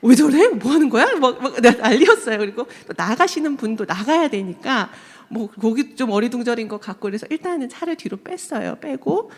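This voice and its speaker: A woman's voice: on the high side, expressive, a little fast, few pauses, long reverb tail. A woman in her thirties telling a personal testimony to a congregation, acting out the voices in her story and laughing often. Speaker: church member giving testimony. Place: church sanctuary.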